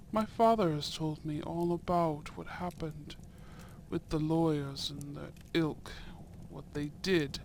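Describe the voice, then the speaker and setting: Voicing a young Edwardian viscount, courteous yet shrewd, in a romantic audio roleplay, a man speaks in formal, deliberate phrases with soft murmurs. His voice is on the high side with vocal fry, his mood grave and disapproving, and a little hiss or hum is audible.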